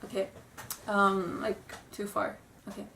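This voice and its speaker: A young woman, stuffy from a cold, rambles nervously in a casual vlog from a room at home, apologizing and giggling. Her voice is medium-pitched, gravelly and sharp, delivered in a monotone and slowly. The home camera audio is roomy and distant, with slight background noise.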